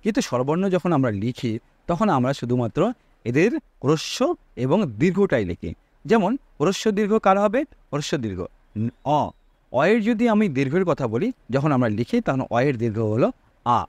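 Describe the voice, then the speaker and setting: A man's voice: fairly high pitch, big pitch swings, moderate pace, a little mellow, no room sound. A man teaching a Sanskrit grammar lesson, asking his students rhetorical questions and drawing out vowel sounds to show their length.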